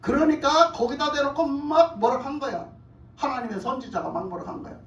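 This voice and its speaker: A woman's voice: sits high, fairly quick, echoey room, far from the mic, highs cut off. A woman preacher telling a Bible story in a colloquial sermon, often asking the congregation questions. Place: church hall.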